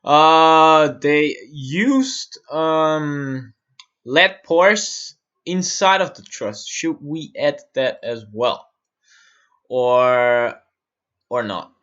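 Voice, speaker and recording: Man, slow and bright-voiced, muttering to himself, live-stream tutorial, dull lo-fi sound. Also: on the high side, animated, smooth. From Austria. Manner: mutters to himself while working, answers chat questions. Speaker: streamer building a stage in design software.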